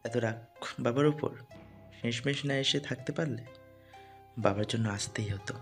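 A voice actor playing a tired, stern middle-aged father in an audio drama, speaking low and pleading. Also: moderate pace, soft background music, natural voice.

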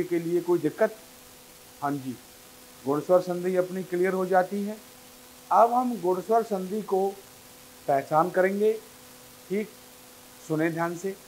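A man with a North Indian Hindi accent teaches a grammar lesson, and his voice sits high for a man. He speaks slowly and repeats key words again and again. He keeps asking the class questions and often answers them himself. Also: a little hiss or hum, low-quality recording.

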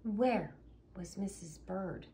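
Animated woman reading a picture book. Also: medium pitch, slow. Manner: animated, playful sound effects. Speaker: children's storyteller. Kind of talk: picture-book read-aloud.

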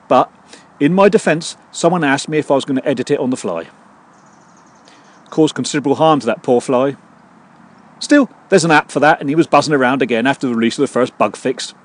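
A man hosting his own podcast, delivering a scripted comedy monologue in a dry, deadpan way full of puns. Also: a little high, a little fast. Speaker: podcast host.

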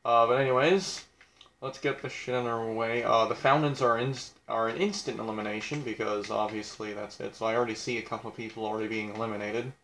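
A man's voice: on the low side, steady tone, quick pace, a bit bright, echoey room, a little hiss or hum. A young man casually commenting on a video game, blunt and crude, mocking himself as he reads out who is eliminated.

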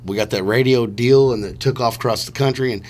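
Here a middle-aged man with a medium-pitched, darkish voice speaks briskly, a faint hiss or hum behind him. As a musician guest in a small radio studio, he chats casually and enthusiastically, rambling through his stories.

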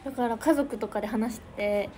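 Casting: teen girl idol hosting a stream, fairly high voice, chatty, reads viewer comments aloud, audible noise on the line. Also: brisk, dark tone. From Niigata, Japan. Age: teens. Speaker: idol livestream host. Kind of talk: casual livestream chat. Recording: noisy livestream audio.

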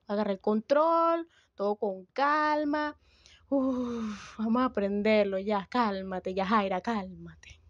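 A young woman with a Venezuelan accent playing a fed-up, short-tempered woman who grumbles and complains with a sharp tongue. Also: mid-range voice, slow pace, natural voice. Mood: exasperated. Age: young adult. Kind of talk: comedic student film acting. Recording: dull, dry, lo-fi.

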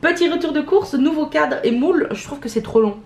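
A woman's voice: high voice, lively intonation, a little fast. A young woman, chatting casually to camera at home in a vlog, with lots of fillers and self-mocking laughs. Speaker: vlogger. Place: at home, indoors. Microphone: camera mic, handheld and held by partner.

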